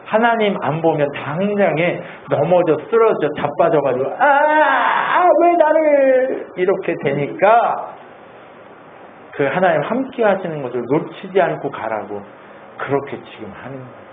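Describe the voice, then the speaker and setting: A male pastor preaching a sermon in an animated, conversational way, asking the congregation lots of questions. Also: fairly high pitch, normal speed. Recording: tinny phone-like sound, faint hiss.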